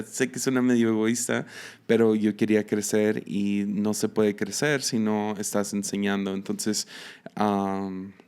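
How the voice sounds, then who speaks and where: Low-voiced Mexican-accented man, halting podcast talk. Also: vocal fry, clear, resonant tone. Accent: Mexican Spanish. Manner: hesitant, many filler sounds and restarts. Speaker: podcast host and missionary. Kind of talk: casual solo podcast talk.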